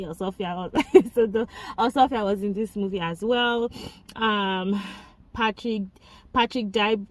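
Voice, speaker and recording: A woman, chatting casually as she reviews a movie, laughing often and asking viewers questions. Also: medium pitch.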